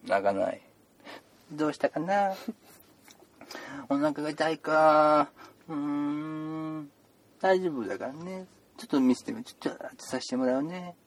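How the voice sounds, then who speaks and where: A man's voice: a little high, lively intonation, unhurried, long pauses. A man playing a chatty male doctor who rambles with puns and mock-stern scolding, in an improvised comedy role-play. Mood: soothing. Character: chatty joking male doctor seeing patients.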